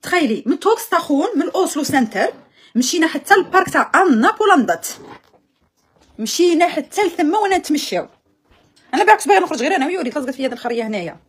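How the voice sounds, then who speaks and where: Algerian woman streamer, high voice, very fast, casual chat. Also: sing-song. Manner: chatty, exasperated and joking with viewers. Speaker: live streamer.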